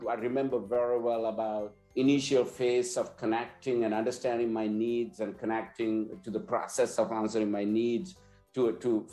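A man in his forties from Sri Lanka, an earnest business leader, gives a video call interview via webcam from an indoor office with a plain wall. His voice is fairly low and darkish with a roomy sound, and he tends to repeat words when he restarts.

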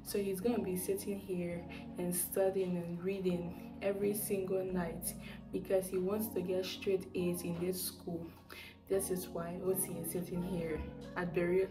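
A young woman with a Liberian English accent chats upbeat to her phone camera, held at arm's length, in a college dorm room and study lounge. Her voice sits on the low side, with a flat, unhurried delivery in this casual vlog. The low-quality recording has music underneath.

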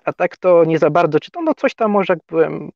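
A man from Poland with a high, gravelly voice talks casually as a guest, stumbling and repeating words now and then. The sound is dull and muffled, with no room echo at all. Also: expressive, a little fast. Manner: hesitant, repeats words, chuckles often. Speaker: interview guest. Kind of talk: casual conversation.

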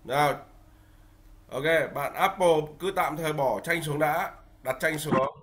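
A man teaching an online English class to young children. He coaxes patiently and says English phrases slowly for them to repeat. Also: fairly high pitch, a bit bright, soft background music. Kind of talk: online class teaching, mixing Vietnamese instructions with English drills. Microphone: video call.

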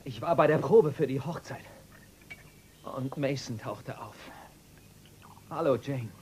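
A man's voice: medium pitch, slow pace, background noise, close to an everyday voice. An actor dubbing a young man who is bitter and defiant toward his family in a soap opera. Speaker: grown son. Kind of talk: German-dubbed soap opera acting.

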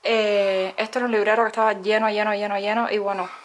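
A woman's voice: medium pitch, level tone, fast. Brief: young Cuban-accented woman vlogger, chatty phone-filmed house tour, faint hiss. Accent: Cuban Spanish. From Cuba. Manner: chatty, many "eh" fillers, addresses viewers directly. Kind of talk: casual house-tour narration. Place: small home, indoors. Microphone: handheld phone camera, speaking from behind it.

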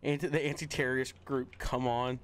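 A man's voice: mid-range voice, level tone, moderate pace, smooth. A young man in casual gaming chat, telling crude rambling jokes and laughing hard. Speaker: gamer. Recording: noisy voice chat.

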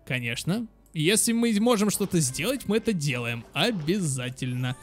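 Game music runs under a young man's let's play commentary for children, delivered at normal speed in a slightly high, sing-song voice. A gaming channel host, he chats casually, thinks out loud, and repeats his words.

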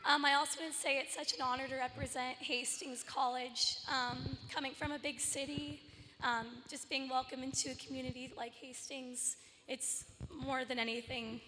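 A hoarse young woman, a college volleyball player, gives an earnest thank-you speech, often pausing with an um. Her voice sits high and bright, and the long echo of a big hall lingers around it. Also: level tone, a little hiss or hum. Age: young adult. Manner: earnest, with many ums. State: lost her voice.

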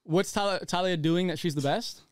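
A man's voice: high voice, moderate pace. A man in casual podcast banter, laughing and teasing the others.

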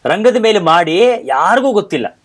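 A man hosting a conversational talk show tells animated stories about theatre, speaking emphatically and repeating phrases for effect. His voice sits high with big pitch swings, at a moderate pace.

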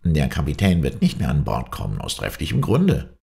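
A shrewd ship's doctor, voiced by a male audiobook reader, reasons his case calmly. The voice is deep and gravelly, with a lively melody. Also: normal speed, exaggerated voice. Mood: reasoning.

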